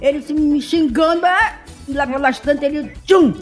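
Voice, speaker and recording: High-pitched Brazilian woman in casual conversation. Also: moderate pace, soft background music. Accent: Brazilian Portuguese. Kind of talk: casual anecdotal chat.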